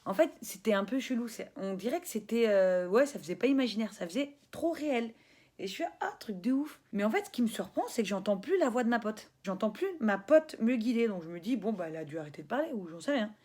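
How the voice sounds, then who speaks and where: A young woman telling a personal story in a casual, animated way, full of slang. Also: a little high, a little fast. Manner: animated, slangy, laughs often, acts out voices. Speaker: spiritual vlogger.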